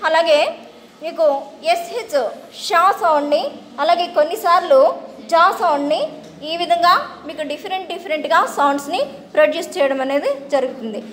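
A woman teaches English pronunciation in a very high voice. She spells each word out slowly, letter by letter, then says it again and asks the class how to pronounce it. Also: a bit bright, a little hiss or hum. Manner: spells words out slowly, then repeats the sound; asks students to read aloud. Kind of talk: classroom phonics lesson.

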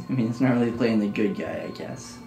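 A man's voice: lowish voice, normal speed, gravelly. A man joking and laughing as he comments casually on a game with a friend. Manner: joking, lively, laughs often. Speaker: let's play co-host. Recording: echoey room, faint game music.

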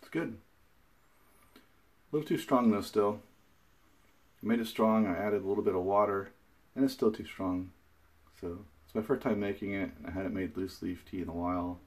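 A man's voice: fairly low pitch, normal speed, long pauses. A young man casually vlogging at home, talking in an offhand, self-deprecating way and often trailing off into a mumble. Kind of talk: casual home video vlog.

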